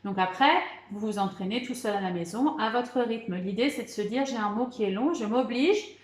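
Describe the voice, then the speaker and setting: A woman's voice: on the high side, normal speed, reverberant. A woman teaching young children, patiently spelling words letter by letter and encouraging them as she goes. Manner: encouraging, repeats "d'accord" and "très bien". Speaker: primary school teacher. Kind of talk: remote spelling lesson for children.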